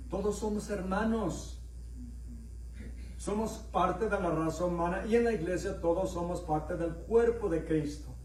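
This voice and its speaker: This pastor's voice sits high and a little mellow, caught by a distant mic in an echoey sanctuary with a little hiss or hum. He's a middle-aged Mexican man with a slightly mixed Mexican accent. His sermon is conversational: he tells stories, asks the congregation questions, and acts out dialogue in raised voices.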